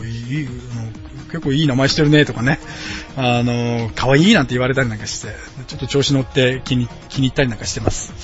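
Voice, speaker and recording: A man in his late thirties from Osaka, hosting his own podcast in a friendly, rambling way with many hesitant fillers. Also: mid-range voice. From Osaka, Japan. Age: late 30s. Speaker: podcast host. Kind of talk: casual solo podcast chat. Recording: dull lo-fi sound with faint background music. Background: quiet background music.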